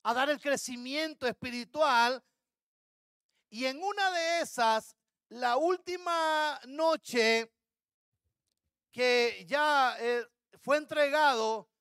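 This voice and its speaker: A man's voice: very high voice, takes it slowly, pauses often, sharp tone, smooth, no echo, clean studio sound. A man pastor preaching a sermon to his congregation, acting out the words of biblical figures. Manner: addresses congregation as brothers.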